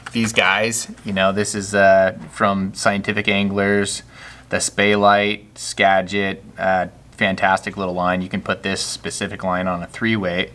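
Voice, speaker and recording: Shop guide, male, lower voice, easygoing and rambling, casual walkthrough at a table indoors. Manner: relaxed, chatty, many fillers and restarts.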